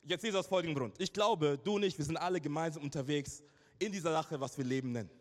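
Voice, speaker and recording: Energetic joking male preacher in a hall. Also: a little high, quick pace. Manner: energetic, joking, asks the congregation questions. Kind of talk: lively sermon with storytelling. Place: church service before a live congregation. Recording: reverberant hall.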